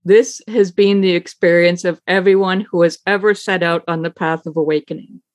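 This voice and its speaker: A woman giving a dharma talk as a Zen teacher, unhurried and reflective, with frequent soft laughter. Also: fairly low pitch, steady tone, dry recording.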